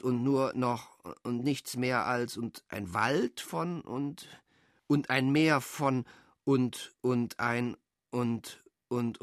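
A man performing an experimental spoken-word text as a restless stream of consciousness, swinging between low mutters and sudden outbursts. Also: a bit bright, no echo, studio quality.

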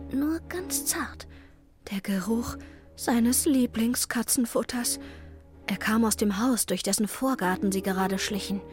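A woman calmly narrating a children's story. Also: on the high side. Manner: calm and clearly paced.

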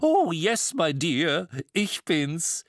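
Chirpy, gushing posh older lady, lilting and quick, played by a male reader. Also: on the high side, very animated, a bit bright, dry recording, studio quality, voice pushed up. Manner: chirpy, gushing, fast pleading. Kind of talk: audiobook character voice.

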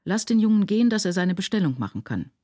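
A woman's voice: medium pitch, very animated, fast, mellow, no room sound, clean studio sound, voice pushed up. A woman reading aloud, voicing an anguished, poor widowed village mother who speaks urgently and vehemently.

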